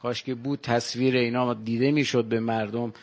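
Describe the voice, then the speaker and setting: An older man, calling in to a radio chat as a guest from his village, speaks with a Varamini Persian accent and proudly rattles off facts about where he lives. He uses a mid-range voice and keeps his tone level.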